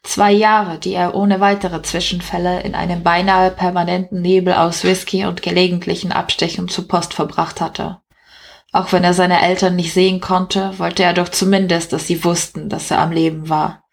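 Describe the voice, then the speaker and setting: A woman reading a novel aloud in a steady, measured storytelling voice. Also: fairly low pitch, gravelly. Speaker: audiobook reader.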